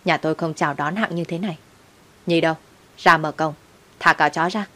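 A woman's voice: low-pitched, steady tone, brisk, pushed and bright. A woman voicing a scornful ex-convict father. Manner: blunt, scornful. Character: bitter man out of prison, sharp-tongued father.

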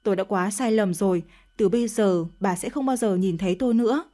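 A woman's voice: medium pitch, a little fast, mellow, close to an everyday voice. A woman voicing a young man who rejects his older lover in a read-aloud story. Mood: scornful. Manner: pleading, then scornful. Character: young man, torn then disgusted lover.

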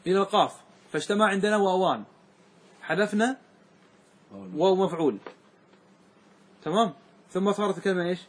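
A man teaching Arabic grammar as a sheikh, walking his class through word forms step by step and asking often whether it is clear. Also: high-pitched. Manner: keeps checking that students follow, asking if it is clear; slows and repeats words to stress their forms.

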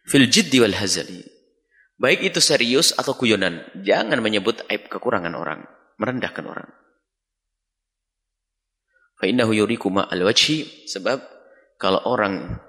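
A man preaching a sermon, reading Arabic phrases and explaining them in an animated, admonishing way. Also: on the low side, moderate pace, pauses often. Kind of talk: sermon teaching from a classical text. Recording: radio recording with long reverb.

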